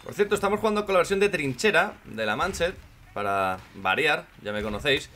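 A man from with a hoarse voice, commenting on his own gameplay in casual chat, joking and swearing a lot. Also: fairly high pitch, big pitch swings, brisk, slight background noise. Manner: swears a lot and jokes, shouts when in danger.

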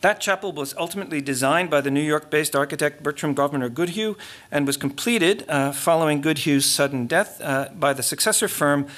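On a large lecture-hall stage hung with curtains, a middle-aged man reads his academic keynote from notes into the lectern microphone. The voice is a little high with a fairly bright tone; he proceeds in a measured way, restarting often and adding muttered asides.

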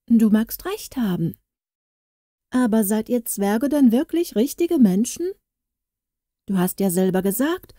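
A woman's voice: a little high, warm tone, no room sound, clean studio sound. A woman voicing a timid, lonely young village girl who speaks in an eager, pleading way in a storybook. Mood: doubtful.

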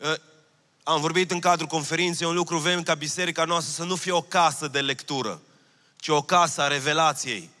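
A fairly high, bright, pushed male voice belongs to a pastor from Romania in his thirties. He preaches earnestly from the stage of a large church hall, mic in hand, and repeats his key phrases. The sound has a long hall reverb.

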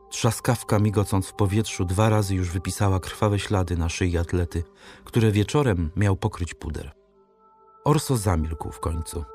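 A man narrating a classic novel as an audiobook, reading in a measured, dramatic way. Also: lowish voice, darkish tone. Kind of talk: scripted literary narration.

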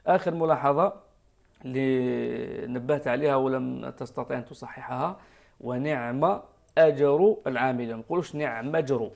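A man's voice: medium pitch, fairly quick, gravelly. A man with an Algerian Arabic accent, a Quran recitation teacher patiently correcting callers' recitations on a live broadcast. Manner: patient, explanatory, demonstrates pronunciation.

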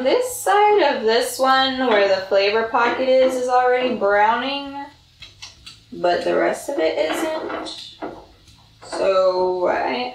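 Slow-talking young woman cooking, far from the mic. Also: on the high side, background noise. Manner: chatty and self-deprecating, thinking aloud. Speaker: vlogger cooking at home. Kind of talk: casual cooking vlog. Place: small home kitchen. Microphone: far camera. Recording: roomy kitchen sound from a distant camera.

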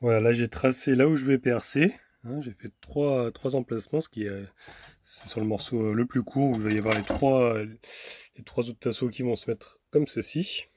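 A man's voice: medium pitch, fairly even intonation, normal speed, a little mellow, a little hiss or hum. Chatty man narrating a DIY build. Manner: chatty, many fillers and restarts, talking while working. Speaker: vanlife vlogger. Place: workshop and camper van roof, outdoors.

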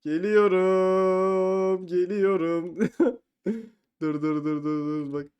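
Man, high pitch, gameplay commentator; yelps, low mutters, teasing slangy banter. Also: takes it slowly, clear, resonant tone. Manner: excitable, yelps and cries out when falling, then drops to low muttering. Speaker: gamer playing an online game.

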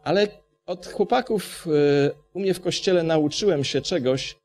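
Male preacher from Poland, fervent sermon delivery, rhetorical questions, a touch high in pitch. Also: unhurried, darkish tone, slight background noise.

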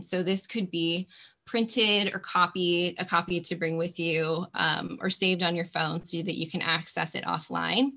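A woman's voice: lowish voice, bright, forceful tone. A woman in her thirties giving a friendly, encouraging webinar presentation on a video call, with frequent ums. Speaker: nature volunteer coordinator.

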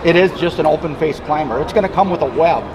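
A man with a slightly high voice and a quick pace demonstrates a product for his company, keeping it casual, plainspoken and friendly. Trade show crowd noise fills the busy indoor hall around him.

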